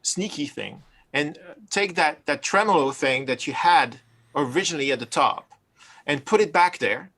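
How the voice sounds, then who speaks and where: A man's voice: on the high side, normal speed, pushed and bright. A man talking casually as a producer in a studio session, explaining his ideas in a hesitant, circling way. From Brooklyn. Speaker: music producer directing a session. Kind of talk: casual collaborative studio talk.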